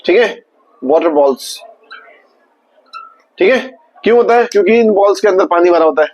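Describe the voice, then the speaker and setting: A male teacher giving a classroom vocabulary lesson, quizzing his students and slowly repeating each word. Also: high voice, animated, darkish tone, poor audio.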